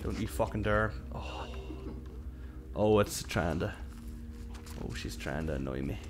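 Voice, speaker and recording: A man's voice: deep voice, lively intonation, measured pace. A young man doing casual gameplay commentary, rambling to himself with crude jokes. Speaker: game streamer. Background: game music and sound.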